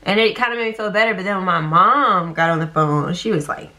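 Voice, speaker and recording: A young woman telling a story casually, chatty and animated, full of fillers. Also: medium pitch, brisk. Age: young adult.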